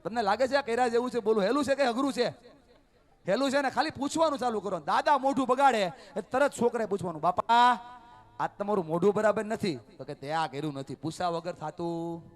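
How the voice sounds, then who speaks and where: High-pitched man rousing a crowd. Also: fairly quick. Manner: calls out to the crowd for answers, swings from loud to hushed. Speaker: motivational speaker. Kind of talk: motivational talk to a family gathering. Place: outdoor family event at night.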